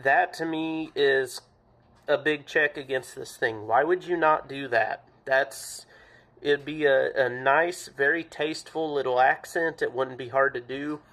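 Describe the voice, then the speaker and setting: A man's voice: medium pitch, unhurried, a bit bright. A man giving a casual show-and-tell review of a farm toy, plain-spoken and thinking aloud with frequent ums and self-corrections.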